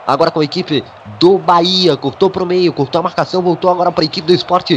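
Brazilian man calling football, slightly high-pitched. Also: steady tone, quick pace, slight background noise. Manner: projected, announcer-like, with stock catchphrases. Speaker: radio football commentator. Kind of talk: live play-by-play commentary.

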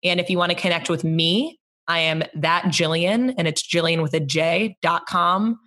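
With a fairly low, steady voice that's a bit bright and moderately paced, a young adult woman discusses her community organizing work as an interview guest. The conversation is casual; she's earnest, thoughtful, and quick to laugh.

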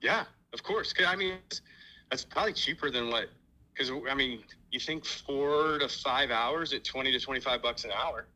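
A man's voice: mid-range voice, moderate pace, bright, forceful tone, poor audio. A man heard over a phone on speakerphone, chatting casually and agreeably as a podcast guest while out on a walk. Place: outdoors on a walk.

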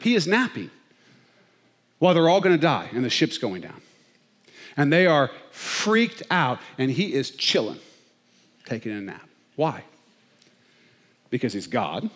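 Animated man preaching a sermon. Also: medium pitch. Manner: lively, conversational preaching with comic asides. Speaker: pastor. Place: church.

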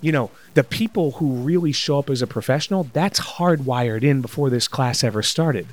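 A man's voice: mid-range voice, normal speed. A man who teaches MRI technologists, telling stories as a guest in a casual conversation.

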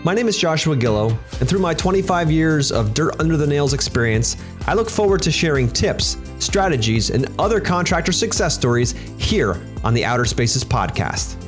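A middle-aged podcast host from Pennsylvania talks to his guest in a high-leaning, very animated voice at a moderate pace. He's upbeat and a bit rambling, repeating words as he goes, with music playing in the background of this podcast interview.

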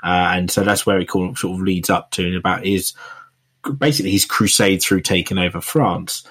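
A man's voice: low-pitched, steady tone, normal speed, a bit bright, breathy edge. A man, hosting a podcast and reviewing a film in rambling casual chat full of fillers. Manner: rambling, many fillers and restarts. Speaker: podcast co-host reviewing films.

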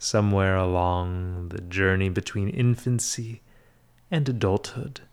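A man leading a guided meditation in a soft, breathy, half-whispered spa voice, soothing and measured, with long pauses between short phrases. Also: deep voice, fairly even intonation.

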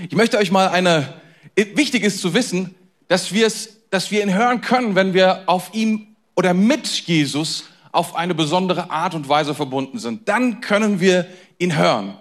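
Male pastor, high voice, casual sermon delivery that swings from loud stress to low, quiet intensity. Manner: lively, shifts between loud emphasis and quiet intensity; conversational, addresses listeners directly.

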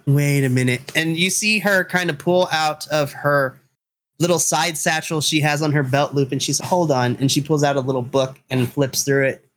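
A man narrating as game master with lively storytelling, quick to laugh. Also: on the high side, rough recording.

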